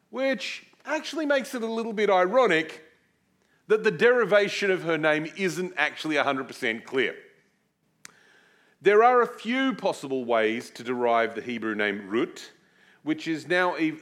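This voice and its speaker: In a voice on the high side, a preacher works through a Bible book in a teaching series, explaining scripture chattily within a sermon that also features prayer. His delivery is animated, with swooping stress on key words and self-mocking asides.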